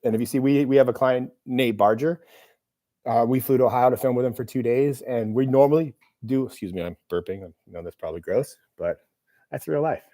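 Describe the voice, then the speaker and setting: Brisk and mellow in a mid-range voice, a man hosts a live-stream Q&A with a camera operator in the room. His casual talk rambles, leans self-deprecating, and is packed with fillers.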